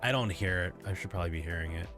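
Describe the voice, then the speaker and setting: Relaxed rambling man streaming at home. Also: sits low, rapid-fire, music in the background. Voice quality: relaxed, rambling, lots of fillers. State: sleepy, yawning. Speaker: livestreamer. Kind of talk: casual chat with viewers.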